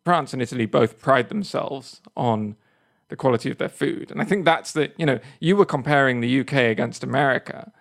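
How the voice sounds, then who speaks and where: A man with an English accent co-hosting a podcast, chatting casually and telling anecdotes in a relaxed way. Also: mid-range voice, brisk, vocal fry. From England. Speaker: podcast co-host. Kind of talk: casual chat.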